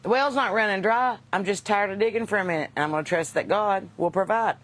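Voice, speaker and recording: A woman's voice: mid-range voice, quick pace. A woman from Kentucky with a Southern US accent chats casually to livestream viewers as host, folksy, unpolished and wisecracking. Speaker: host and singer chatting with live viewers.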